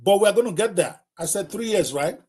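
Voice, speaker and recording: A man's voice: sits high, lively intonation, a little fast, a little mellow. A middle-aged Nigerian man hosting a live talk, speaking emphatically and addressing viewers directly, often repeating himself. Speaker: host.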